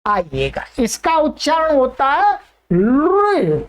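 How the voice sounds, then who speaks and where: Slow, lively-pitched woman teacher. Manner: drawn-out vowel chanting, then explaining and correcting. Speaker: Sanskrit teacher. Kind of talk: pronunciation lesson.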